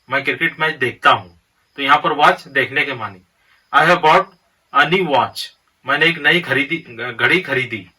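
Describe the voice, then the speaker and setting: A man teaching an English grammar lesson, explaining word pairs and slowly spelling words out letter by letter. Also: fairly high pitch, pushed and bright, husky, recorded from a distance, rough recording. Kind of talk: grammar lesson in Hindi-Urdu.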